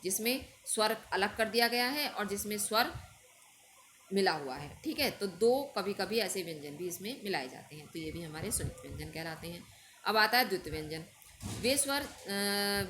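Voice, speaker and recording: A woman teacher talks a class through a grammar lesson, patient and methodical. She explains each point step by step and checks in with the students often. A faint background noise sits under her mid-pitched voice. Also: fairly bright tone. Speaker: school Hindi teacher.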